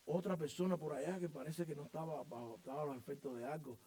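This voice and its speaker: A middle-aged male pastor preaching a sermon in church, telling stories with lively energy and acting out voices and sounds. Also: on the high side, fast talker. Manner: animated storytelling, acts out voices and sounds.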